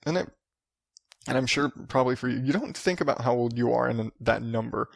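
A man's voice: mid-range voice, fairly quick, creaky, no room sound, studio quality. Rambling, profane man in his thirties. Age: 30s. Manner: rambling, profane, self-mocking. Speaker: podcast host. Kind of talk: casual solo podcast monologue.

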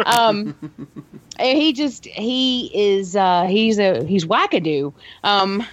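Lively low-voiced woman, lo-fi dry sound. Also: very slow, slight background noise. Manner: animated, laughs often, restarts. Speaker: podcast co-host. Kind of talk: casual film review chat.

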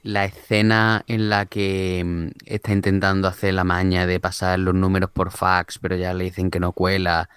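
A man with a Spain Spanish accent, casually discussing films and pausing to restart phrases as he searches for words. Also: deep voice, completely flat delivery, fairly bright tone, clean tone, no room sound.

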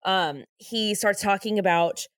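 A woman's voice: medium pitch, a little slow, a bit bright, dry recording, clean studio sound. A young woman co-hosting a casual chat, wry and teasing as she recaps a TV show. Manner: wry, teasing, laughs often, swears casually. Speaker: podcast co-host.

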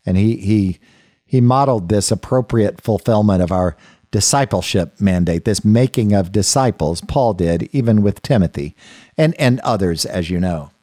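A man leads a Bible study lesson, thinking aloud as he goes and often circling back to restart a phrase. His voice sits a little low and has a mellow, dark tone. The recording is dry and close, with no room sound around him. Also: dry recording. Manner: thoughtful, with frequent restarts and asides to the listener. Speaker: Bible teacher. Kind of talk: unscripted Bible study lecture.

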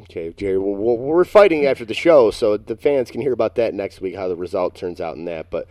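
Dark-voiced man telling a rambling story. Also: lowish voice, brisk, no echo, studio quality. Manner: rambling, animated, self-mocking storyteller. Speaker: podcast co-host. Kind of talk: casual storytelling chat.

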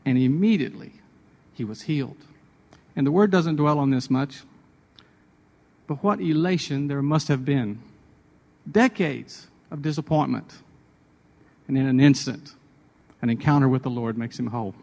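A man's voice: mid-range voice, moderate pace, gravelly, pauses often, a little mellow. Chatty man in a reverberant hall. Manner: chatty, self-deprecating, with restarts. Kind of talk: conversational devotional storytelling.

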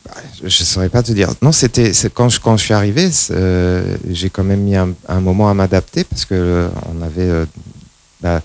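A man from the Limousin region of France, a guest on a casual radio interview, who answers hesitantly with many pauses. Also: low-pitched, clear, resonant tone, no echo. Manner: hesitant, many fillers and restarts. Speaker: guest, professional firefighter.

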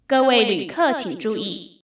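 A woman teacher reading flight notices as a female airport announcer, in a formal, measured way, as if over an airport intercom. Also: on the high side, expressive. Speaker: Chinese teacher. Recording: roomy, distant-miked echo.

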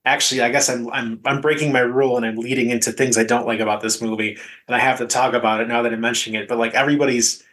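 A man's voice: mid-range voice, flat delivery, rapid-fire, few pauses, fairly bright tone. A man co-hosting a podcast, chatting casually about a film and laughing between points. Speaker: podcast co-host.

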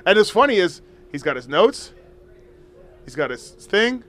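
A man with a slightly high voice hosts a casual sports chat. He is blunt and teasing as he steers the banter along. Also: sing-song, a little slow, fairly bright tone. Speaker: host.

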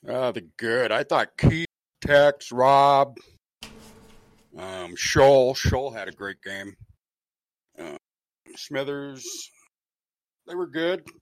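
A man's voice: mid-range voice, animated, extremely slow, long pauses, dry recording. Australian male caller, crackly fading phone line, dry sound, hesitant but opinionated. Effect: crackly phone line that fades in and out. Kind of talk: sports talk call-in.

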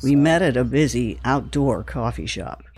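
Calm male documentary host. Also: mid-range voice, moderate pace, a little hiss or hum. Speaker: podcast host and interviewer. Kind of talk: scripted documentary narration.

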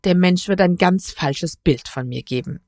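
A woman's voice: fairly low pitch, measured pace, a little mellow, dry recording, clean studio sound. A woman reading aloud voices a grumpy, touchy middle-aged male musician who sulks and flares up when needled. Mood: grumbling.

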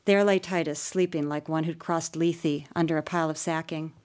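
A woman narrating a first-person story in a measured, expressive audiobook reading. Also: deep voice.

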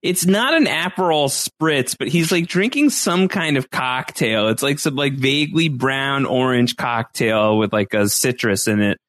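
A man's voice: medium pitch, expressive, measured pace, few pauses, fairly bright tone. A man co-hosting a podcast, recapping a show in casual chat and breaking into comic impressions. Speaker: podcast co-host.

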